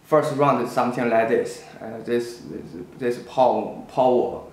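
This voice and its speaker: Slow, halting man with echo. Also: medium pitch, steady tone. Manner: halting, many fillers and restarts, indignant. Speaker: student. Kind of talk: personal account to camera. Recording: echoey room, faint background noise.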